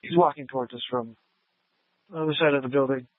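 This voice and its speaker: A man's voice: medium pitch, fast talker, dry recording. A man in the field calling out terse, urgent updates during a chase, heard over a police scanner radio. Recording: dry, tinny radio band.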